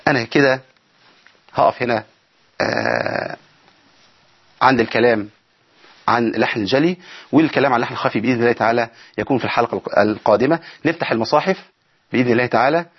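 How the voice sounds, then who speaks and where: In a studio broadcast tajweed lesson, a man with an Egyptian Arabic accent teaches Quran recitation in an expressive, husky, mid-range voice. He talks very fast with long pauses, explaining each rule and firing rhetorical questions at the audience, all on dull audio.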